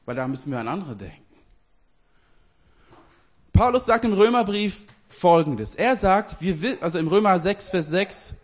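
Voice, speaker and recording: High-voiced German-speaking preacher, informal. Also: male voice, expressive, normal speed, pauses often. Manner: informal, addresses listeners directly, laughs often; restarts and self-corrections. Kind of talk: casual sermon.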